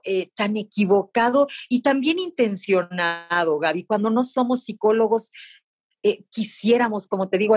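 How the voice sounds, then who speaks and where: A woman's voice: mid-range voice, dry recording, clean studio sound. A woman podcast host with a Mexican accent, speaking hesitantly with many fillers. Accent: Mexican Spanish. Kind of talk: podcast interview.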